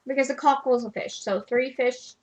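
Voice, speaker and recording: A woman's voice: sits high, fairly even intonation, a little fast, slight background noise. A woman streamer giving casual, self-deprecating commentary while playing a farming game. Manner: chatty, self-deprecating, laughs at herself.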